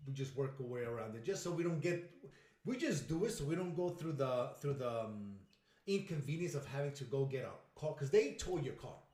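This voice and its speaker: A man co-hosting a podcast in casual chat, telling stories with lively acted-out quotes. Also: mid-range voice, fairly quick. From United States. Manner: animated storyteller, acts out quotes. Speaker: podcast co-host. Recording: roomy echo.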